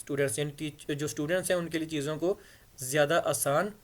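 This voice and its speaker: A man teaching English idioms in a casual spoken lesson, explaining in Hindi-Urdu and reading the English phrases slowly, with frequent fillers and repeats. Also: on the high side, steady tone. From Punjab. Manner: hesitant, many fillers and repeats.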